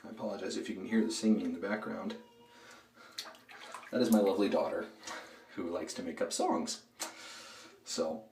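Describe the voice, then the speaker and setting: Reviewing a product casually as he shaves, this male video host chats in a relaxed, rambling manner packed with ums and uhs, his low voice hoarse from a throat cold. He is a bit away from the mic, and the tiled bathroom gives a roomy, bouncing sound, with faint running water and household noise in the background.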